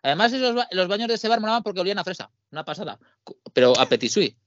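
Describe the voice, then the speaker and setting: A man with a Spain Spanish accent tells stories in a casual podcast chat. His pitch swings widely as he acts out the people he quotes. The sound is dry and a little dull. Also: very fast, dry recording. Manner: animated storyteller, acts out quoted dialogue. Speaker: podcast co-host. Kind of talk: casual chat, telling anecdotes.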